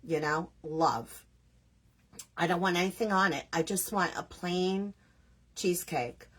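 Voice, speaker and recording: A woman's voice: on the low side, unhurried, fairly bright tone, slightly rough. A woman from New York with a New York accent, chatting casually with live viewers while she crafts, rambling a little and reading their names out. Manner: chatty, scattered, self-deprecating, reads viewer names aloud. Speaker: crafting livestream host.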